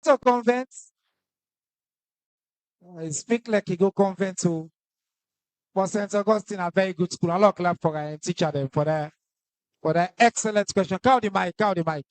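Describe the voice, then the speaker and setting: A moderator with a Sierra Leonean Krio accent, briskly directing questions and joking with the room. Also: medium pitch, dry recording. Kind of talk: moderating a press conference.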